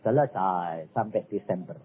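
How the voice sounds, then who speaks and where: God speaks slowly, calm and solemn, as an elderly preacher with a Javanese accent puts him on. The voice drops low and measured and stays husky. The recording is thin and tinny, like a phone line. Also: male voice.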